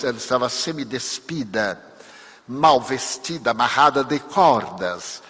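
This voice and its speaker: Husky older man telling a story. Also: mid-range voice, a bit bright. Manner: vivid storyteller acting out dialogue. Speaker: spiritist speaker. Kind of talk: storytelling lecture. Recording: long hall reverb.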